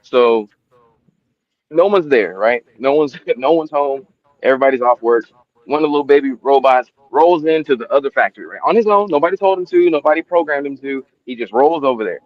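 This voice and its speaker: A man's voice: mid-range voice, brisk, dry recording. Man telling a tale, slightly muffled. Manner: animated storyteller, puts on voices for anecdotes. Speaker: podcast co-host. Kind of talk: casual livestream chat.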